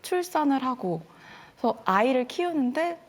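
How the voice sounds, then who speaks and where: Young woman telling her story, lively pitch. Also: moderate pace, a crowd in the background. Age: 20s. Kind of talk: casual TV talk show conversation.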